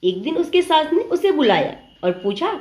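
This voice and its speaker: A woman narrating an emotional family story in an expressive, dramatic storytelling manner. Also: high-pitched, normal speed.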